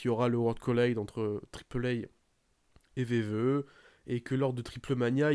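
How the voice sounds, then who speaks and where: A man hosting a casual podcast, talking with a sarcastic, animated edge and plenty of fillers. His voice sits at a middle pitch. The sound is dry and close, with no room around it. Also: clear, resonant tone, dry recording. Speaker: podcast host. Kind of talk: casual wrestling podcast chat.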